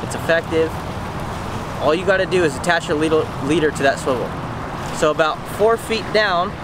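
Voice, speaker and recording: A young man explains fishing rigs in a casual, step-by-step manner. His voice sits a little high for a man. Loud ambience from waves and passing boats runs under his voice outdoors. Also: moderate pace, noisy background. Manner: casual, instructive, talks viewers through steps with "okay?" checks. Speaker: fishing channel host. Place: outdoors on a riverbank by brush.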